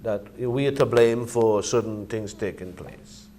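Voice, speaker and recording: A man with a Caribbean accent speaks in a Rastafarian manner, reasoning conversationally and making emphatic points. His voice is fairly low, dark in tone, at a measured pace. Ambient background noise is clearly audible.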